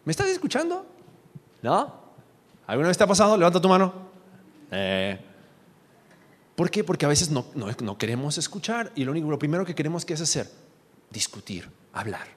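A man preaching a sermon with a fairly high voice. He speaks with emphasis and keeps asking the congregation questions. His voice rings out with the long reverb of a church hall. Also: sing-song, a little fast, long pauses. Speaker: pastor.

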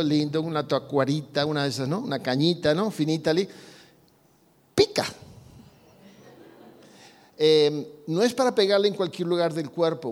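Guy preaching, chatty, keeps asking the crowd questions, highish voice, long hall echo. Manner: conversational preaching with rhetorical questions. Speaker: pastor. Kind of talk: sermon on parenting.

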